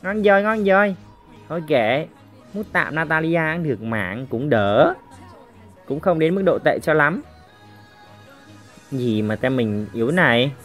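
Lady gamer yelling piu piu sound effects over her match, lowish voice, faint music behind. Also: unhurried, long pauses. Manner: excitable, makes shooting sound effects, chats to viewers. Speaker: mobile game streamer. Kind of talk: live gameplay commentary.

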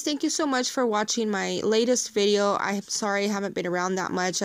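A woman with a slightly raspy voice talks casually and warmly to her viewers, rambling a little as she goes. Her pitch sits at an ordinary middle level for a woman. The recording is dry and close, with almost no room sound. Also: no echo. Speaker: haul vlogger. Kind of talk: casual chatty haul video.

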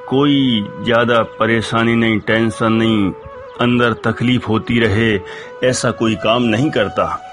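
A man teaching a religious text, explaining each term one by one and asking listeners to repeat the verses after him. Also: medium pitch. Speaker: teacher of scripture.

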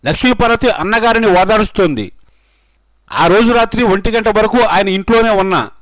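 A man's voice: sits high, brisk, fairly bright tone, no echo, low-quality recording. A man reading a scripted news voice-over, posing dramatic rhetorical questions along the way. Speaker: news narrator.

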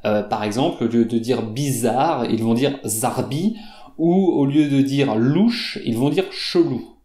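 Male language teacher, patient and repetitive explainer, mid pitch, roomy echo. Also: mellow. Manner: slow, patient, repeats examples, many "euh" fillers. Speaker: French teacher. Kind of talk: explaining vocabulary to learners.

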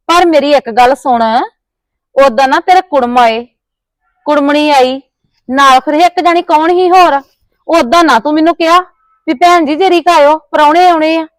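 A woman's voice: high-pitched, no room sound. A woman playing a neighbour who scolds and taunts with sarcasm in a family drama. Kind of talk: Punjabi village family drama acting.

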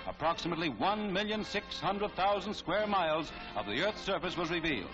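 A high-voiced man gives brisk, declamatory narration for an old 1940s newsreel. The sound is dull and lo-fi like archive film audio. Music plays clearly behind him. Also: expressive.

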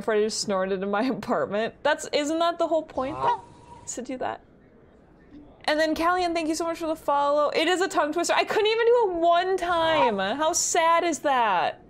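Young woman streamer on a headset, giggly and chatty, voice jumps all over high. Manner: giggly, bubbly, self-deprecating. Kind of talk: casual live-stream chat while gaming. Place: home apartment.

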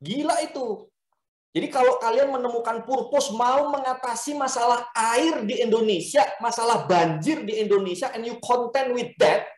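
A man giving a motivational talk who mixes in English phrases and acts out little dialogues as he goes. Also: very high-pitched. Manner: lively, acts out dialogues with others. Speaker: speaker at a talk. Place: event venue. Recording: echoey room sound.

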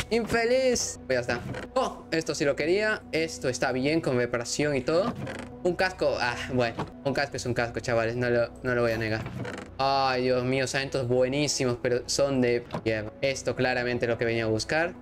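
A man giving excitable let's-play commentary as a gaming YouTuber, chatting to his viewers with sudden outbursts. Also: mid-range voice.

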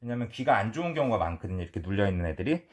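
Calm, firm man coaching a dog owner. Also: fairly low pitch, racing. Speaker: dog trainer. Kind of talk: hands-on training demonstration.

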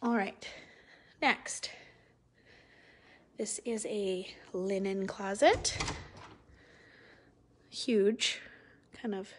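A woman's voice: medium pitch, steady tone, slight background noise. A woman, a real estate agent giving a live virtual tour, walking through a house and talking upbeat and admiring into a handheld phone. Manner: upbeat, admiring, slow and deliberate. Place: large house indoors, walking room to room. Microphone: phone held at arm's length.

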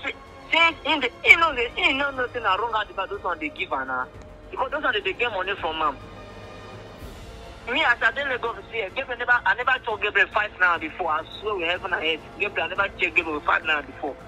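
Speaking high and fast, this Nigerian-accented man sounds bright, forceful and expressive. It's an earnest phone call with music in the background, switching between English and Pidgin as he pleads emphatically and keeps restating what he means.

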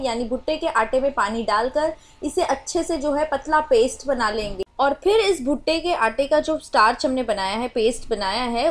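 A woman explaining a recipe step by step in a voice-over cooking tutorial, with many small filler phrases. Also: sits high. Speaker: cooking channel host.

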